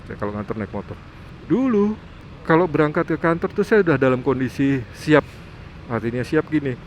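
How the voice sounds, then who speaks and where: A man's voice: medium pitch, a little hiss or hum, low-quality recording. A middle-aged man gives casual advice in a chatty vlog and keeps asking himself rhetorical questions. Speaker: vlogger.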